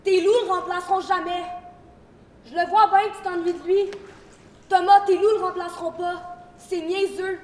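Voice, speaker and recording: Une élève jouant une jeune femme qui sermonne. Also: female voice, very high-pitched, fairly even intonation, moderate pace, long pauses. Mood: reproachful. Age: teens. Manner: blunt, reproachful. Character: scolding young woman, blunt and exasperated. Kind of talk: school stage play. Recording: echoey hall, faint noise.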